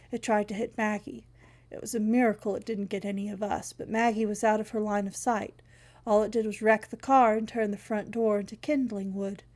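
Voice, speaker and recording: Woman, first-person narration, steady delivery, wry tone. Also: medium pitch.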